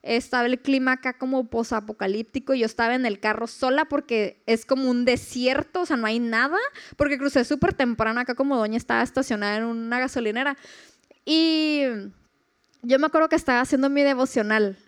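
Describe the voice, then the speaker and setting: A young woman with a Mexican accent telling a personal faith story casually, animated and acting out the voices she quotes. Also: high-pitched, brisk, smooth. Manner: animated, acts out quoted voices, laughs often. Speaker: speaker sharing a personal testimony.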